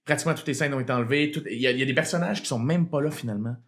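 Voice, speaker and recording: Fast-talking Québécois man telling stories. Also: medium pitch. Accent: Québécois French. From Quebec. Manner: animated storytelling with swearing. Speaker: guest comedian. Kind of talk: casual podcast chat.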